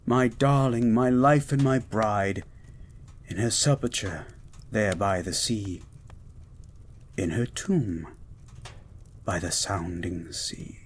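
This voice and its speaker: A man voicing a gentle, learned mutant beast as a devoted lover, speaking in a slow, hushed, formal and ardent way in a romantic audio roleplay. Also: on the low side, slight background noise. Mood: tender, mournful. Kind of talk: romantic poetry reading and intimate audio roleplay.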